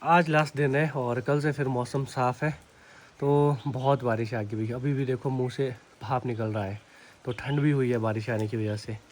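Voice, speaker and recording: Young man, casual vlog chatter, easygoing, outdoors in rain, mid pitch, light background noise. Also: steady tone, moderate pace, a little mellow. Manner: easygoing, chatty, teasing with family. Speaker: vlogger. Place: outdoors in hills and in a car, rain.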